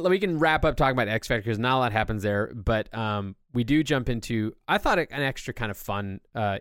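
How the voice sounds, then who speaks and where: A man's voice: lowish voice, a bit bright, smooth, no echo, clean studio sound. A man hosting a podcast, explaining things at length in a casual, enthusiastic way. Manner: long-winded enthusiastic explaining. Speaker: podcast host. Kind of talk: casual chat.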